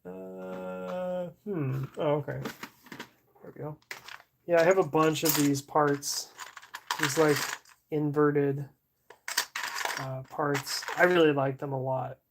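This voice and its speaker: A woman streamer chatting casually as she sorts, thinking aloud with fillers and soft laughs. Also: low voice, fairly even intonation, slow, creaky, long pauses. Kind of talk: casual livestream chat while sorting. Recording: audible background noise.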